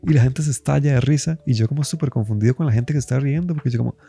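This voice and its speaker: A man's voice: medium pitch, racing, gravelly, warm tone, husky. A man with a Costa Rican accent, a stand-up comedian casually telling stories about his shows and rambling with many fillers. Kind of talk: casual personal storytelling.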